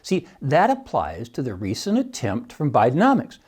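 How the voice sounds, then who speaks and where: Middle-aged guy on his podcast, wry, laughs at his own jabs, pitch jumps all over. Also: wildly swooping pitch, normal speed, a little mellow, slightly rough. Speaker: podcast host and economics teacher. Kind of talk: solo podcast commentary.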